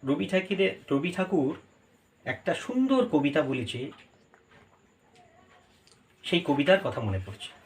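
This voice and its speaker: A man giving a devotional sermon, explaining and slowly chanting scripture verses. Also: fairly high pitch, big pitch swings. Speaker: preacher.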